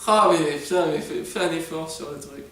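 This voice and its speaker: A man's voice: on the high side, fairly quick, pushed and bright. A man giving casual, mocking film commentary, exasperated and sarcastic, with outbursts and swearing. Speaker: host reacting to an animated film. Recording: echoey room, distant microphone.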